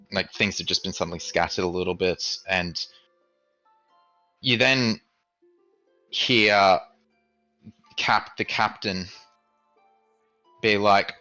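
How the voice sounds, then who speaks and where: A man narrating as game master of a tabletop game, casual and halting. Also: low voice, fairly even intonation, pushed and bright, lo-fi sound, faint music behind.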